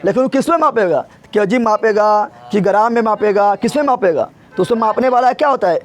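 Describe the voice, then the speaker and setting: Quick, high-voiced man quizzing students. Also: lively intonation. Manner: drills students with repeated questions. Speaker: tutor. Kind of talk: classroom physics lesson.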